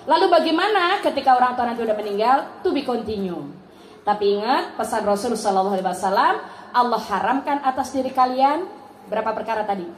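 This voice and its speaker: A middle-aged woman giving a lively Islamic sermon to a women's group, telling stories, acting out dialogue and laughing often. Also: on the high side, fast, a little hiss or hum. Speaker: preacher at a women's study group. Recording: echoey room with faint ambience.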